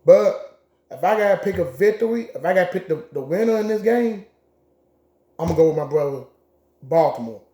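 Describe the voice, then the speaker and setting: A man's voice: sits high, animated, a little fast, long pauses, mellow. A man co-hosting a casual sports chat, giving blunt picks with profane trash talk. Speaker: co-host making game picks. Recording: echoey room.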